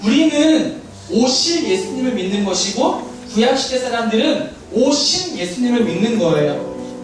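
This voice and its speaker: A man, a children's pastor, giving a lively children's sermon and asking the kids questions. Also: extremely high pitch. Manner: animated, talks directly to children with questions. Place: church sanctuary. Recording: echoey church hall, mic at a distance.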